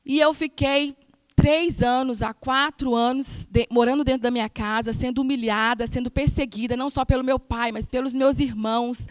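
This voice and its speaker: A woman giving a sermon testimony in church, earnest and emphatic, moving between soft and loud passages. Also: sits high, steady tone, normal speed, no echo. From Brazil.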